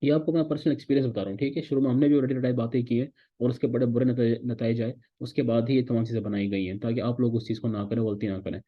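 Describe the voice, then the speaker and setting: A man's voice: medium pitch, steady tone, racing, dull audio. A man teaching a recorded online lecture, explaining step by step and checking in with "theek hai" again and again. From Pakistan. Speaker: course instructor.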